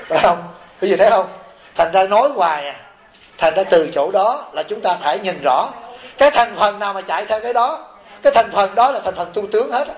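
High-voiced monk preaching, keeps going "right, everyone?", echoey room. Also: male voice. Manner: animated, keeps asking the audience questions. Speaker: Buddhist monk. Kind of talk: dharma talk to a congregation. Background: audience laughter.

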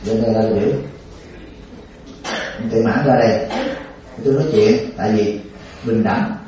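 A man's voice: lowish voice, normal speed, warm tone. A man, a Buddhist monk giving an informal dharma talk in a folksy, joking way, often laughing and checking in with his listeners. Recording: distant, echoey, dull lo-fi with faint hiss.

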